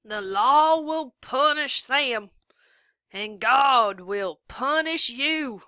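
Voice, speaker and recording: A drunken, leering sheriff voiced by a woman reading aloud stretches every word into a slow, lazy drawl. The tone is bright and clear, recorded dry with no room sound. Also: mid-range voice, dry recording. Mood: menacing. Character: drunken leering male small-town sheriff.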